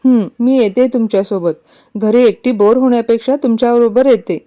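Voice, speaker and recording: Pouty young wife begging sweetly voiced by a woman, high mellow tone, lo-fi sound. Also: a little fast, natural voice. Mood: coaxing. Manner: coaxing, pouty. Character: playful pleading young wife. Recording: dull lo-fi recording.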